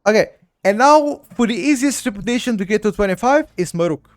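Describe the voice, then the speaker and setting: On a live-streamed gameplay walkthrough, a game guide streamer with a Bulgarian accent talks in a fairly high voice with lively intonation, going a little fast. He addresses his chat directly in a loose, chatty way and keeps circling back to repeat himself. Faint music sits underneath a dry recording with no room sound.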